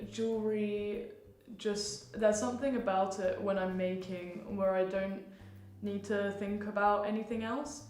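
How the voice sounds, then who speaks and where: A woman's voice: mid-range voice, a little mellow, a little hiss or hum. Twenty-something woman in an echoey room. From Singapore and Hong Kong. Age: 20s. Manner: thoughtful, searching for words. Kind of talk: casual reflective interview.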